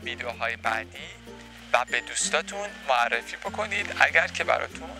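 A man teaching French in a video lesson, saying example phrases slowly and carefully between quicker explanations. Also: mid-range voice, animated, over music. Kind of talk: language lesson.

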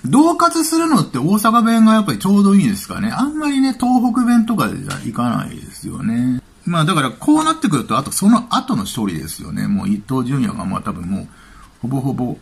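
Gravelly man in lively casual commentary. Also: medium pitch, quick pace. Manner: chatty, offhand, thinking aloud. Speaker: YouTube commentator.

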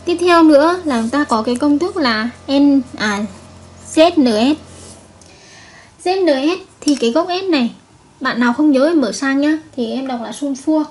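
A woman's voice: sits high, moderate pace. A woman chemistry teacher giving a recorded video lesson, patiently repeating each point and checking with her students.

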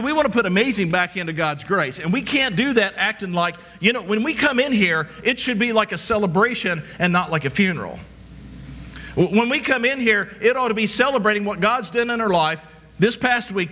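Preaching man, higher voice, stammering restarts. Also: pushed and bright. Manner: repetitive rhetorical questions, frequent stammered restarts; walks the stage as he preaches. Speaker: pastor. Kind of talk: sermon. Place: church sanctuary stage.

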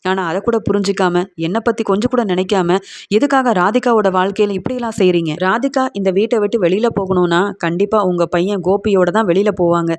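A woman's voice: mid-range voice, fast, close to an everyday voice. A woman voicing a defiant middle-aged daughter-in-law who firmly scolds her mother-in-law while retelling a TV serial scene. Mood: reproachful. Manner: firm, reproachful, lecturing.

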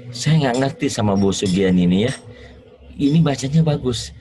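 A man teaching Quran reading in an online lesson over a video call, gentle and joking as he encourages his students. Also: mid-range voice, animated, moderate pace, slight background noise, rough recording.

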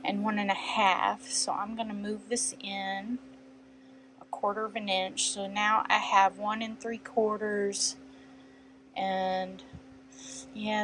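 A woman's voice: mid-range voice, fairly bright tone, a little hiss or hum, rough recording. A woman hosting a quilting tutorial, chatting and thinking aloud as she measures and cuts fabric at her sewing table. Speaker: quilting channel host. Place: sewing room at a cutting table.

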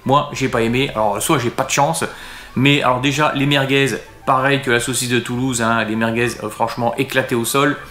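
A man's voice: mid-range voice, steady tone, fairly quick, a bit bright, roomy sound. A man talking casually to camera as a restaurant vlogger, hesitant and full of fillers and restarts.

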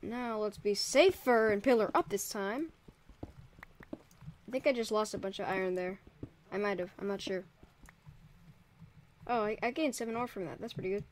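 A young man, likely a teen, casually commentates a Minecraft let's play as the server host, rambling and getting startled easily. His voice is high and his pace moderate, broken by long pauses. Recorded at home by a window on a desk mic he drifts away from, with slight background noise.

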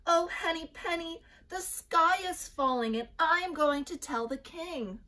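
A woman voicing an excitable, panicked little female chick in a storybook, with emphatic, drawn-out alarm. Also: extremely high pitch, pitched above the performer's own voice, full character voice. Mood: alarmed, urgent.

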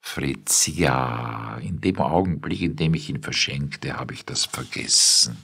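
Man voicing elderly woman, general's wife, unsure, pleading, husky tone, storybook reading. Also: a bass voice, lively intonation, takes it slowly, pushed and bright, heavily acted. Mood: contrite.

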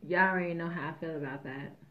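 A woman with a fairly low voice chats loosely as she eats on camera, rambling from one thought to the next and dropping little jokes. The sound is thin and tinny, like a phone line. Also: quick pace. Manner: chatty, rambling, jokey. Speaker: mukbang host. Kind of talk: casual chat while eating.

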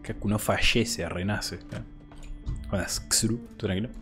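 A man's voice: fairly low pitch, steady tone, normal speed, fairly bright tone, soft background music. A man with an Argentine accent casually streaming a game, muttering to himself and answering chat in a laid-back way.

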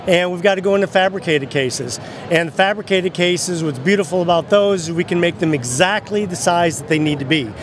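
A man in his sixties, an exhibitor for a case company, casually explains things during an interview at his booth in a large arena. His voice is high-pitched and fairly quick, friendly but full of hesitations. Expo-hall background noise is clearly audible.

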